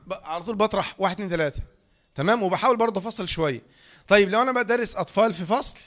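Quick, high-voiced Egyptian male teacher. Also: fairly bright tone. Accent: Egyptian Arabic. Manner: repeats key phrases and quizzes listeners with "إيه؟". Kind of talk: online lecture on Quran reading rules.

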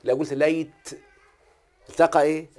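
A man with an Egyptian accent speaks at normal speed in a slightly high, somewhat mellow voice with little pitch movement. He is tutoring one student in recitation and grammar, and his manner is questioning: he repeatedly asks whether the student understands.

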